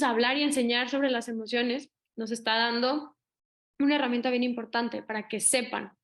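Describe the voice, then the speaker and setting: A young woman giving an online talk on protecting children, acting out the voices she quotes. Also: fairly high pitch. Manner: lively, acts out quoted voices. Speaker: speaker on child abuse prevention.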